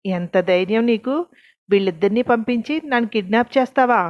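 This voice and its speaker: A woman's voice: on the high side, a little fast, lo-fi sound, close to an everyday voice. A woman voicing an arrogant man held captive in a storybook reading, speaking angrily and defiantly. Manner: angry, defiant.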